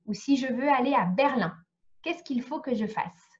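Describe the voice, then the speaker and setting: A French woman teaches French in a live online lesson over a video call, speaking at a moderate pace in a high, expressive voice. She explains patiently and checks often that her students are following. The sound is lo-fi.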